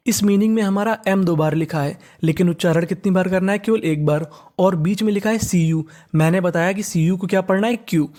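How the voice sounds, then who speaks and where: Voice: mid-range voice, dark tone. Patient teacher drilling word spellings. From India. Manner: spells words letter by letter, then asks and answers its own questions; repeats each new word slowly several times. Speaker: English reading teacher. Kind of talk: spoken reading lesson.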